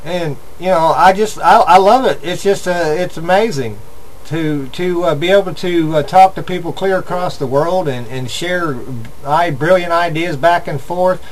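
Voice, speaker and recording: A man's voice: high voice, slight background noise, low-quality recording. An older man with an Appalachian hillbilly accent, hosting a casual internet radio chat in a folksy, earnest, rambling way.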